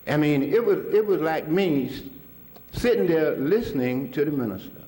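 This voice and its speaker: A man's voice: a little high, animated, normal speed, warm tone. An older man telling stories to an audience in a colloquial way, chuckling often. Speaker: speaker recalling a mentor. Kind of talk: storytelling talk to an audience.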